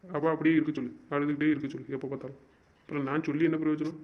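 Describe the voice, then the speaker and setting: A man's voice: a little high, flat delivery, racing, close to an everyday voice. A young man playing a stubborn young man who is hurt and fed up with his girlfriend, and who talks in an insistent, exasperated way and repeats himself. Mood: frustrated. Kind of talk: amateur web drama acting. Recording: dull lo-fi recording.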